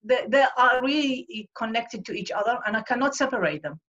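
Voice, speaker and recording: Recalling her life earnestly as a guest on a video call, a woman in her sixties from Iraq speaks fairly quickly and animatedly in a fairly high, fairly bright voice, often hunting for words. She's at home, and the audio comes through dull and lo-fi.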